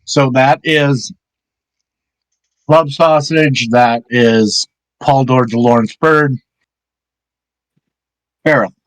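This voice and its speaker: Guy running a d&d game, slow easy narration, normal pitch, home call mic. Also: fairly even intonation, no echo, low-quality recording. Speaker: game master.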